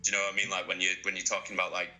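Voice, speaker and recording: A deep-voiced man chats about his band in an interview. His tone is sharp and forceful, with a lot of swearing and laughter. He tells stories with excitement. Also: racing, low-quality recording. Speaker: band member being interviewed. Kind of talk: casual interview chat.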